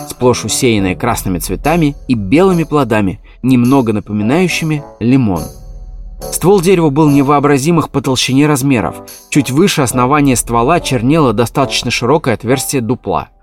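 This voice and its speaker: A man narrating a children's storybook as an audiobook in an even, measured reading. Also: mid-range voice.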